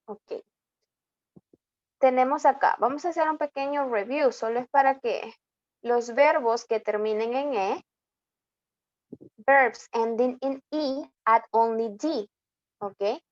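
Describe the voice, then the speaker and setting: A Salvadoran woman tutors an online English lesson, mixing Spanish and English and checking in with a frequent "ok?". Her voice sits slightly high and moves at a slow, patient pace. The dry, dull audio sounds like a computer mic in a video class. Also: no room sound. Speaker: English teacher.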